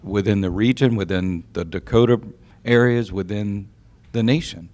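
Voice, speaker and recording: A man presenting recommendations to a city audience in a measured, advisory way, with some fillers. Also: on the low side, darkish tone.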